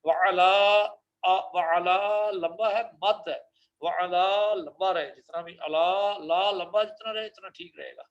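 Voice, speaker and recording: Guy teaching how to pronounce prayers, kinda high voice, gravelly, stretches the recited bits out slow. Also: lo-fi sound. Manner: slow drawn-out recitation of Arabic phrases between explanations; corrective, instructive tone. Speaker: religious teacher. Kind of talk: religious lecture on prayer pronunciation.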